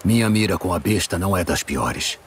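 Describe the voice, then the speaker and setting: A gruff monster hunter for hire in a video game. His voice is low and his delivery terse and deadpan, with faint ambient noise behind. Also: a little fast. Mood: dry, calm. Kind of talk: dubbed video game acting.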